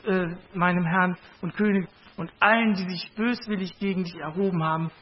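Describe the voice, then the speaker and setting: A man's voice: high-pitched, steady tone, moderate pace, husky. A man reading out the lines of a formal foreign male messenger who announces news solemnly. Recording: dull lo-fi recording.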